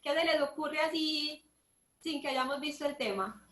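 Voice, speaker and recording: A woman teacher leading an online workshop, reading a picture book aloud with lively expression and asking her listeners questions. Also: sits high, moderate pace, roomy sound. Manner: expressive storybook reading, asks the audience questions.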